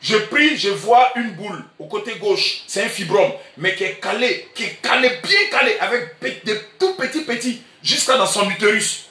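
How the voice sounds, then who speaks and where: High, bright Ivorian preacher. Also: male voice, animated, moderate pace, few pauses, distant mic. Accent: Ivorian French. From Côte d'Ivoire. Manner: emphatic, repetitive preaching with sudden shouts. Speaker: pastor. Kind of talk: sermon. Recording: echoey room, voice from afar.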